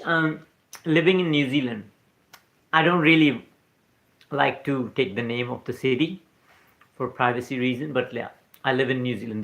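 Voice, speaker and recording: A man's voice: mid-range voice, gravelly, fairly bright tone. A man with an Indian accent speaks on a casual livestream, in English that is not his first language. He rambles from point to point, often checking in with "right?" and replying to viewers' comments as they come in. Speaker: livestream host. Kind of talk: casual spiritual talk on a livestream. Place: live stream recorded in New Zealand.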